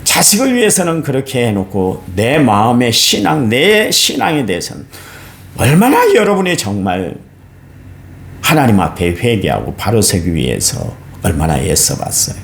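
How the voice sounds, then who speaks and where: Gravelly-voiced male pastor preaching. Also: huge pitch swings, moderate pace, reverberant. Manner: emphatic preaching with sudden high exclamations; addresses congregation directly. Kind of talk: dawn prayer sermon. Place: church sanctuary.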